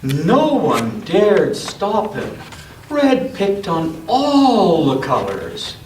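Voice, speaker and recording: In an echoey church, a male storyteller with an animated, higher-pitched voice reads a children's story to listeners of all ages. His delivery is dramatic and deliberate, full of pauses and emphasis, and he keeps chatting with the group in casual asides. The distant mic picks up faint noise.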